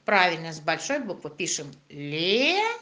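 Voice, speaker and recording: A woman's voice: lowish voice, very animated, normal speed, sharp tone, a little hiss or hum. A woman primary school teacher dictating to young children in a classroom lesson, repeating and stretching words in a didactic way.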